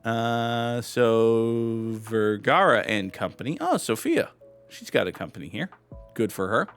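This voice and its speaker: A man's voice: mid-range voice, a little slow, a bit bright, clear, resonant tone, soft background music. A young adult man hosting a gaming channel, giving rambling, wry, self-deprecating commentary as he guesses where and when old photos were taken. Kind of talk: casual commentary while guessing photo locations.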